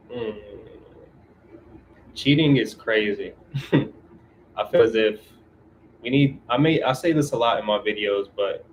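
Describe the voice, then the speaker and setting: A man's voice: lowish voice, a little hiss or hum, rough recording. A man from California in casual livestream chat, laid-back and slangy, reading viewer comments aloud and answering them. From California, USA.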